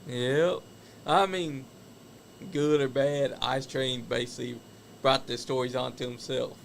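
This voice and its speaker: A man's voice: medium pitch, steady tone, unhurried, creaky, slight background noise. A man hosting a casual wrestling talk show, commenting on old match footage in an opinionated, chatty way. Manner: chatty, opinionated, laughs at stories. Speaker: host.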